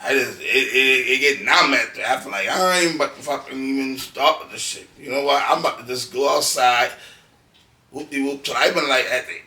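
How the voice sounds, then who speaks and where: A man's voice: mid-range voice, a little fast, pushed and bright, far from the mic. A man speaking as a podcast guest, telling blunt, profane stories and acting out quotes in casual conversation. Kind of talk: casual interview chat. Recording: echoey room, off-mic.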